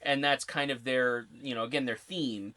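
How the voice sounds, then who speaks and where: A man's voice: medium pitch, fairly even intonation, normal speed, bright, forceful tone. Male podcast co-host, casual, rambling lore explainer. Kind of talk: casual chat.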